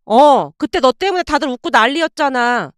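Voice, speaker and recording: A woman's voice: sits high, expressive, moderate pace, smooth, dry recording, studio quality. A woman voicing a chatty female nurse colleague who passes on gossip in a knowing, confiding tone. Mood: teasing.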